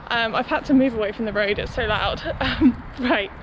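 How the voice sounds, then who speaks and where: Her voice sits on the high side and moves at a normal speed, captured with lo-fi sound. A young running vlogger, she chats in a hedging, conversational way to her audience from outdoors beside a busy city road, with street noise and traffic passing.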